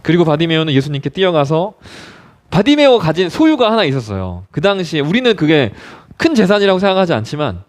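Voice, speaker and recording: A male youth pastor preaches in a high, lively voice that swings widely in pitch. He tells the story dramatically and keeps turning to his listeners with direct questions. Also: fast. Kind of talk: sermon.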